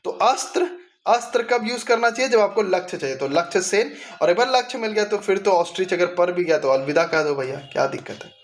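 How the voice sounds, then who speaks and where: A man's voice: high-pitched, lively intonation, fast talker. A young man teaching exam tricks in casual chat, asking himself questions and answering them, calling the viewer brother. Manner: quizzing himself with rhetorical questions. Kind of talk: mnemonic exam lesson.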